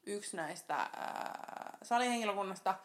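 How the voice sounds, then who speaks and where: A woman's voice: medium pitch, animated. A woman co-hosting a casual chat, telling stories animatedly and laughing often as she reviews a restaurant meal. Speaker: podcast co-host.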